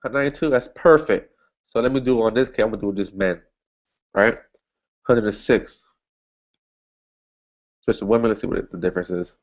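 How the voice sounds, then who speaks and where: Clicking through an online ad setup, a native English-speaking marketing instructor thinks out loud in a relaxed tutorial, with many restarts and upbeat side comments. He has a lowish voice, speaks at a normal speed and pauses often. The audio sounds dull.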